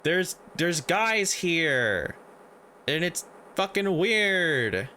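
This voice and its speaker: A man's voice: a little high, big pitch swings, drawn-out words, sharp tone, a little hiss or hum. A man giving casual video game commentary, musing aloud and swearing now and then. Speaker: let's player.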